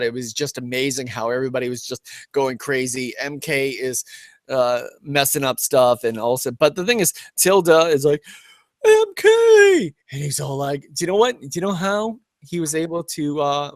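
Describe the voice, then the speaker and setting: A man co-hosting a casual recap show, talking animatedly and jumping into loud character bits as he retells scenes. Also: mid-range voice, moderate pace, no echo.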